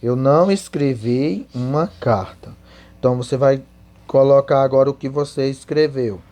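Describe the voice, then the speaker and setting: A man's voice: medium pitch, moderate pace, dark tone. A man teaching English in Portuguese, spelling out English answers word by word and then translating them. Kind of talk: slow classroom explanation.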